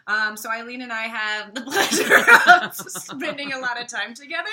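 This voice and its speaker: A bubbly American woman talks casually and playfully about everyday products, laughing easily. Her voice is very bright and forward. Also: on the high side, moderate pace. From United States. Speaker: co-host.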